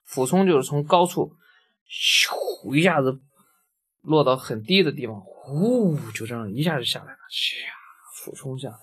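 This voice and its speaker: A man reading a picture book aloud to a child, lively and playful, stopping to explain words. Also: medium pitch, quick pace, breathy edge.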